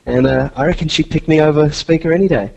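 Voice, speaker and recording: A man's voice: on the high side, fast talker, creaky, a little mellow, slightly rough, dull audio. An actor with an Australian accent playing a boastful masked male ninja guest on a comedy podcast. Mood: cocky. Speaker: interview guest. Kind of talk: comic podcast character interview.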